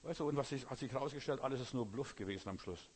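Fast and mid-range with a breathy edge, a man's voice carries an emphatic sermon. He talks straight at his listeners and keeps asking "you know?" to make sure they understand.

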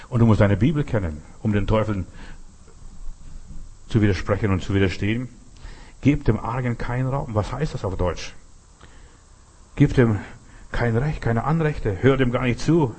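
A man's voice: fairly low pitch, normal speed, long pauses, darkish tone, husky. A man preaching a sermon in an earnest, repetitive way, speaking straight to his listeners.

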